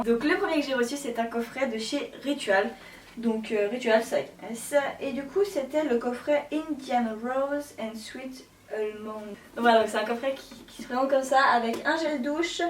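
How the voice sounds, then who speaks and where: A woman's voice: fairly high pitch, reverberant, far from the mic, a little hiss or hum. A young woman chatting casually to camera about her haul, gushing and slangy, with lots of fillers. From Switzerland. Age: young adult. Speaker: beauty vlogger.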